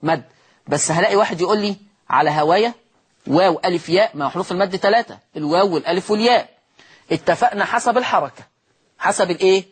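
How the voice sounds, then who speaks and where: Husky egyptian sheikh teaching recitation, repeats stuff, asks himself questions. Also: male voice, sits high, fast talker. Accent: Egyptian Arabic. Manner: explains rules step by step, repeating and stretching example words; asks and answers his own questions. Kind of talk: televised Quran recitation lesson.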